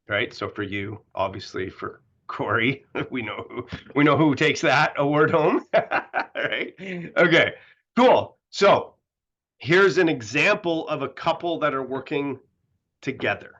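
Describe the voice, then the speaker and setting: Bright, animated man hosting on stage. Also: mid-range voice, lo-fi sound. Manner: animated, repeats "right?" and "okay?". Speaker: event host. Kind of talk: stage speech introducing honorees.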